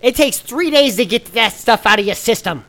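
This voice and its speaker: A man's voice: very high voice, animated, moderate pace, pushed and bright. A man co-hosting a casual podcast, laughing often as he reads news aloud. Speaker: podcast co-host. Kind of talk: casual chat.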